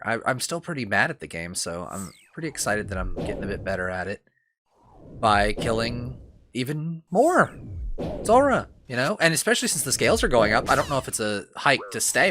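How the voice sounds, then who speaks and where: A gaming channel host with a mid-range voice does a voice-over on his gameplay against background noise. A lingering cough and itchy throat trouble him as he rambles, puts himself down, and fills his talk with fillers and restarts.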